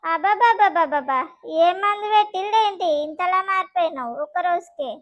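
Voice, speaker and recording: Cartoon wife voiced by a woman: squeaky, combative, Telangana accent. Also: expressive, brisk. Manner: sharp, combative retorts. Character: quarrelsome young village daughter-in-law.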